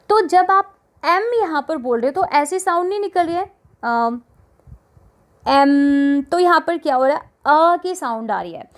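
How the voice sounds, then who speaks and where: A woman with a Haryanvi accent teaching an exam-prep grammar lesson, explaining patiently, repeating words and asking the class questions. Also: sits high.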